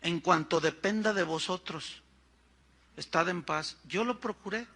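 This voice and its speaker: High, bright-voiced Mexican pastor preaching. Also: male voice, measured pace, creaky. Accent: Mexican Spanish. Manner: animated, acts out quoted voices, conversational asides. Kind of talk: sermon with storytelling.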